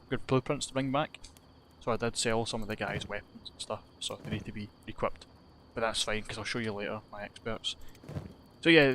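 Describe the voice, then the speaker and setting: Fairly low in pitch but fairly bright in tone, this young Scottish man's voice comes with a little hiss or hum. He's a gaming YouTuber who rambles, puts himself down, and swears casually while commenting on his gameplay.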